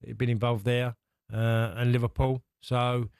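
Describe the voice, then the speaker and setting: Man reflecting haltingly, close dry sound. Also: medium pitch, level tone, gravelly, darkish tone, clear, resonant tone, no echo. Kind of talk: reflective conversational commentary.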